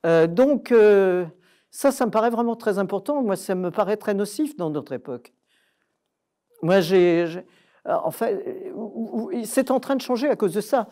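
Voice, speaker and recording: A woman's voice: mid-range voice, lively intonation, measured pace, mellow. An older Frenchwoman answering audience questions at a talk, emphatic and direct, with many hesitations. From France.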